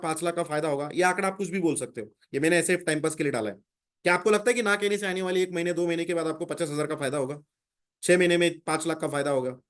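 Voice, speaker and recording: A man giving a sales training lecture, coaching listeners and acting out sample dialogues with prospects. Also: high voice.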